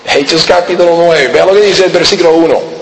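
A man preaching a Bible-teaching sermon, emphatic, often pointing listeners to the text and dropping to low, quiet urging. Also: brisk. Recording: roomy hall with long reverb, faint noise.

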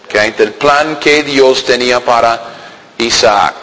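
Man teaching a lively church Bible class. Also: mid-range voice, takes it slowly, a little hiss or hum. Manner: lively, joking, rhetorical questions. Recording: long hall reverb.

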